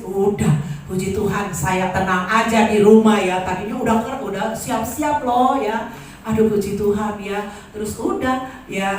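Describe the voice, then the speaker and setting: A woman in her sixties giving a lively testimony at a worship service, acting out the voices in her story. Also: medium pitch, a little hiss or hum. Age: 60s. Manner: animated storyteller acting out dialogue. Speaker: church testimony speaker. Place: large church hall. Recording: echoey hall from far off.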